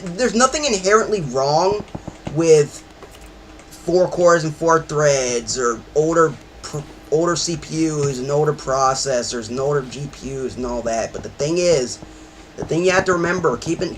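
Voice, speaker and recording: A man's voice: a little high, normal speed, a little hiss or hum. A man streaming a game, chatting in a rambling way with sudden outbursts. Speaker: gaming streamer. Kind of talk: casual chat while playing.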